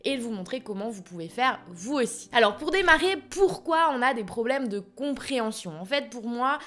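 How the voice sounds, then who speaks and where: A French woman teaching a language lesson, with a fairly high voice. She talks straight to the viewer with energy and playful asides. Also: expressive, normal speed, a bit bright. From France. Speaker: language school founder and teacher. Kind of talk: teaching video, direct to camera.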